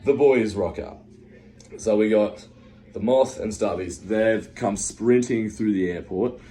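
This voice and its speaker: Brief: young Australian man, lowish voice, telling a rowdy travel story as a speech, jumps into friends' voices. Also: takes it slowly, slight background noise. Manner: animated, acts out friends' voices, swears casually. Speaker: speech giver.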